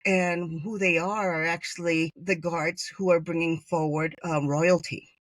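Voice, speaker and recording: A woman's voice: on the low side, steady tone, measured pace, dry recording. Chatty woman from Hawaii, dry sound. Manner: chatty, many fillers, laughs while telling stories. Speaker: guest. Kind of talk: conversational storytelling interview.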